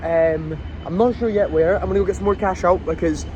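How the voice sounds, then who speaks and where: The voice sits high and comes fairly quickly, a little mellow, with a lo-fi sound. It belongs to a young Scottish travel vlogger chatting and rambling through his day trip, swearing here and there. He's outdoors in a windy coastal town and city streets, recording on a noisy phone.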